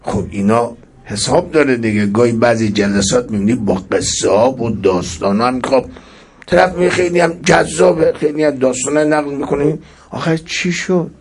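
Husky male preacher, rising and dropping. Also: mid-range voice. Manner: recites poetry with sudden loud rises and soft drops. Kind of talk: religious sermon.

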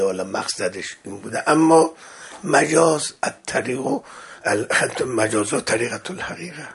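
A man preaching a religious sermon, telling a story and acting out the dialogue with sudden swings from loud to hushed. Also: medium pitch. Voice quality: gravelly and husky. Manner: dramatic swings of loudness, acts out quoted dialogue.

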